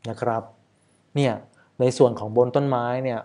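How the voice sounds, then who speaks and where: A man's voice: medium pitch, steady tone, normal speed, mellow. Chatty Thai-speaking man narrating footage. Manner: chatty, rhetorical questions, many fillers. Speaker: wedding photographer and planner. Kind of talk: casual commentary over wedding footage.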